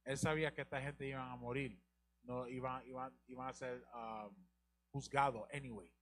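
A man's voice: mid-range voice, steady tone, normal speed, fairly bright tone. A man teaching the Bible on a live show, asking rhetorical questions and repeating key lines. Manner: rhetorical questions and repetition, directs the reader.

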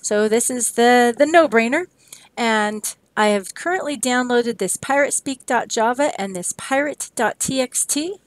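A woman's voice: a little high, a little slow, no echo. A woman teaching a programming lesson, explaining each step of her code in a friendly, plain way. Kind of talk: screen-recorded coding tutorial.

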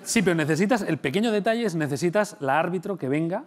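A man, a YouTuber guest on a talk show, speaking in a relaxed, matter-of-fact and self-deprecating way. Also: sits high, fast. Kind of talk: casual interview chat.

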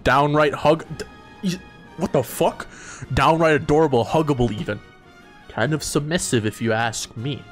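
A man giving excitable, profane commentary while playing a video game. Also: on the high side, moderate pace, soft background music. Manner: excitable, profane, laughing often. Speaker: gamer. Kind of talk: casual let's-play commentary.

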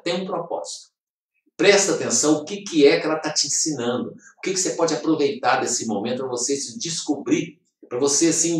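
An earnest man gives a motivational talk, repeating his points and speaking straight to the listener. His voice sits at an ordinary middle pitch. It sounds roomy and distant, picked up from well away from the microphone. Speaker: host of an inspirational program. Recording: echoey room, voice far from mic.

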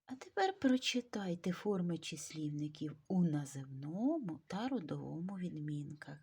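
A woman teaching a video grammar lesson, slowly dictating words with care. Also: deep voice, animated, a little mellow, slightly rough. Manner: slow, careful dictation of words.

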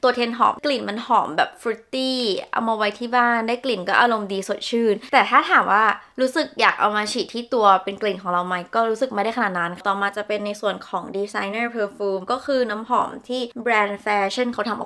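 A woman's voice: mid-range voice, a little fast, few pauses, sharp tone. A young woman chatting casually through a perfume review, descriptive and gushing, with polite particles. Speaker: beauty vlogger.

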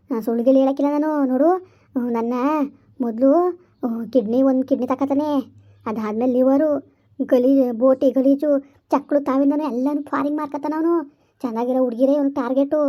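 A woman's voice: sits high, pitched below the performer's own voice, close to an everyday voice. A woman voicing a grim female ghost trapped in a bungalow who gives blunt, urgent warnings. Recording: dull lo-fi recording.

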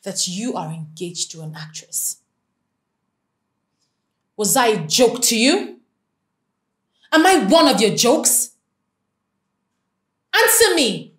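A woman's voice: lowish voice, lively intonation, unhurried, long pauses, a bit bright. A young woman with a Nigerian accent acting a guarded, feisty girlfriend in a romantic film, blunt and challenging. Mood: hurt, angry. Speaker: romantic lead actress.

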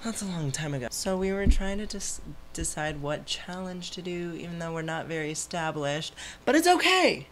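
A man's voice: fairly high pitch, animated, normal speed, fairly bright tone, slight background noise, rough recording. A young man chatting casually as a guest in a challenge video. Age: young adult. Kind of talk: casual chat. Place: small room indoors, plain backdrop. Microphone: camera a few feet away.

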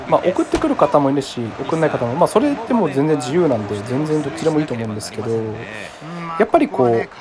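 This Kagoshima streamer has a highish, sing-song voice and a quick pace. He casually narrates his baseball video game, reacting aloud and apologizing often, while the game's crowd noise plays in the background.

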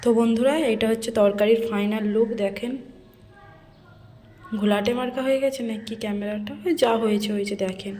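A woman's voice: mid-range voice, steady tone, a little fast, dark tone, heavy reverb, in a large hall, distant mic, a little hiss or hum. A woman vlogger talking to her viewers while doing housework at home, friendly and homely. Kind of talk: casual vlog narration while doing housework. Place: indoors at home, kitchen and bedroom.

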